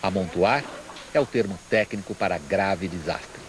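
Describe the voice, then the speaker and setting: A man's voice: deep voice, a little slow, low-quality recording. Male news narrator amid buzzing noise. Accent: Brazilian. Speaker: news reporter. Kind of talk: scripted explanatory narration. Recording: clear buzzing radio noise.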